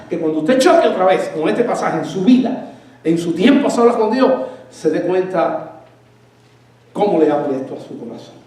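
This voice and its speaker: Pastor predicando en una iglesia con eco. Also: male voice, sits high, dark tone, very echoey, far from the mic, low-quality recording. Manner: preaching, asks the congregation questions. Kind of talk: sermon. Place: church.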